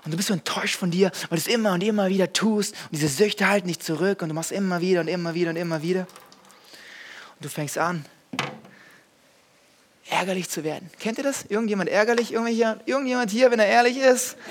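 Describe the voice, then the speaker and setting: A man preaching a live sermon on stage, asking the audience direct questions and building to loud, fervent passages. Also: sits high, fairly even intonation, brisk, a little hiss or hum.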